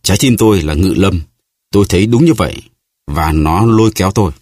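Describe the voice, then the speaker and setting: A man's voice: deep voice, a little fast, darkish tone, no room sound, studio quality. A man voicing an eager, earnest young swordsman who speaks with courteous resolve in an audiobook.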